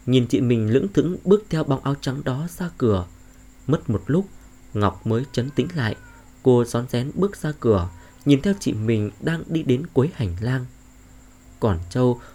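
A man narrating a horror story in a dramatic, suspenseful way. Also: medium pitch. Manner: expressive, suspenseful.

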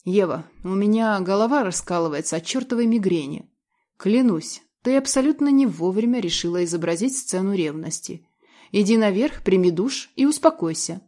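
A woman's voice: medium pitch, expressive, moderate pace, dark tone, natural voice. A woman reading an icy, domineering husband. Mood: cold stern. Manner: icy, level and stern. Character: cold, calm, domineering husband.

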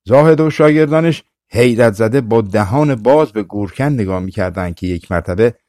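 A man narrating a folk tale in a calm, measured storytelling voice as an audiobook reader. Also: on the low side, no room sound, clean studio sound. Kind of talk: scripted narration.

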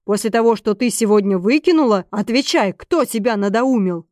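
A woman's voice: mid-range voice, expressive, moderate pace, darkish tone, no echo, clean studio sound, lightly acted. A woman voicing a furious, domineering middle-aged duke who bullies and rants. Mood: raging. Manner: bellowing, bullying tirades.

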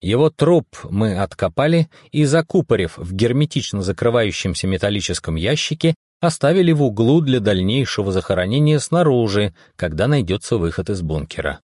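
A man narrating a first-person adventure audiobook in an expressive, dramatic way. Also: fairly low pitch, fairly quick, hardly any pauses, no room sound, clean studio sound.

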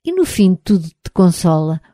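A woman's voice: on the low side, very animated, moderate pace, warm tone, dry recording, studio quality. A woman with a European Portuguese accent reading the lines of a troubled middle-aged friend in an audiobook, murmuring and sarcastic in turn. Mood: conciliatory. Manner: murmuring, sarcastic then pleading.

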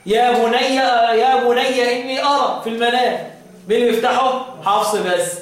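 High-voiced Egyptian man teaching, echoey room. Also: steady tone. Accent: Egyptian Arabic. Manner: drills by question, draws out recited words slowly. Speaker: teacher of Quran recitation. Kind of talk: classroom lesson with questions to students. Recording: echoey room, voice from far off mic.

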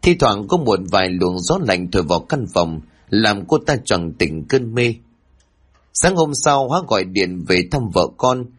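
A man narrating a dramatic family story in an expressive reading. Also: lowish voice, unhurried, slightly rough.

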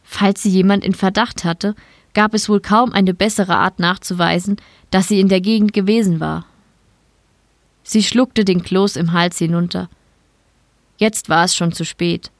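A woman narrates a short story in a calm, measured reading voice. Her pitch sits in an ordinary middle range. The sound is close and dry, with no room to speak of. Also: no room sound. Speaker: story reader. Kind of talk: scripted narration.

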